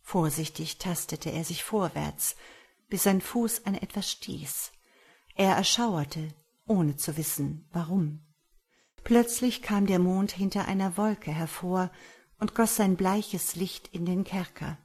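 A woman reads a dark fairy tale aloud in a measured, dramatic way. Her voice sits low and sounds somewhat husky and breathy. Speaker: narrator. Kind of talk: storytelling audiobook narration.

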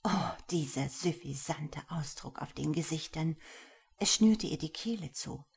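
A woman narrating an audiobook in a slow, intimate, breathy reading. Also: low voice, expressive, darkish tone.

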